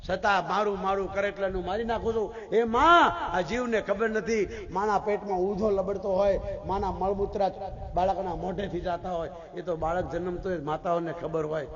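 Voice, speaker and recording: Man, preacher, impassioned devotional sermon, high voice, long echoing hall, lo-fi. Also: steady tone, normal speed, crowd noise. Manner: impassioned, acts out quoted figures with rising pleas. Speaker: preacher giving a scripture discourse. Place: temple gathering hall. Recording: dull lo-fi sound in a long echoing hall with faint music.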